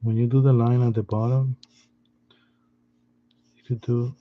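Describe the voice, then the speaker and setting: A man giving a step-by-step drawing lesson in a patient, soft-spoken way, often restarting his sentences. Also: mid-range voice, level tone, a little slow, lo-fi sound. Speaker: art teacher.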